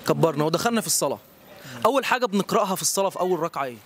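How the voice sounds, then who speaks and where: An Egyptian man hosting a street quiz outdoors, encouraging and quick to praise each answer. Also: high-pitched, expressive, a bit bright. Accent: Egyptian Arabic. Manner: encouraging, repeats praise often.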